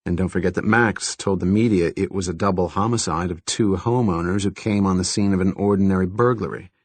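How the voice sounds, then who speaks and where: A man's voice: low-pitched, brisk, dry recording. A man reading the lines of a serious, somewhat grim young woman police detective in an audiobook. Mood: earnest.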